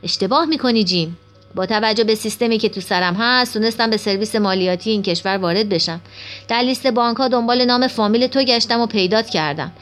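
A woman's voice: a little high, a bit bright, natural voice. A woman voicing a boastful, mocking male know-it-all double in a storybook reading. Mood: confident.

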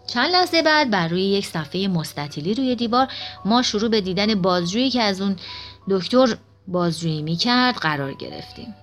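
A woman narrating a story in the first person, steady and expressive, at a middle pitch. Her delivery is plain and even, with quiet music in the background. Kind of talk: audiobook narration.

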